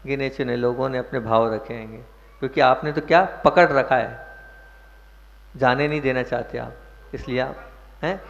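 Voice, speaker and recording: A man's voice: medium pitch, moderate pace, vocal fry, long pauses. A man giving a sermon as a Jain monk, explaining verses and putting questions to his listeners. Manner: explains verses, asks the audience questions, stresses words. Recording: muffled echoey hall recording.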